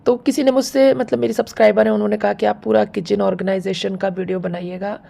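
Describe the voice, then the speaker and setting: A woman with a sore, hoarse throat chatting casually through a home vlog, explaining things step by step. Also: mid-range voice, flat delivery, quick pace, warm tone. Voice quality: gravelly, husky. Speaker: home vlogger.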